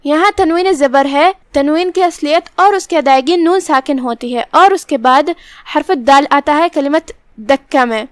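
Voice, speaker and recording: A woman with a Pakistani Urdu accent, teaching Quran recitation rules in a measured, instructive way. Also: high voice, dry recording. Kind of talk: tajweed lesson, explaining rules word by word.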